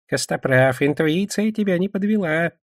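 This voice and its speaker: A man doing a high, grumbling goblin-like wizard. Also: animated, moderate pace, dry recording, studio quality. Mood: sly. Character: grumbling small male wizard nicknamed Goblin.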